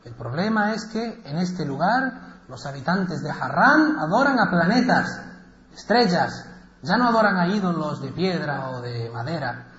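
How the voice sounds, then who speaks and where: A man from Spain who gives a religious lecture as a dramatic, animated story and laughs between phrases. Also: on the high side, unhurried. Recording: echoey, dull lecture recording.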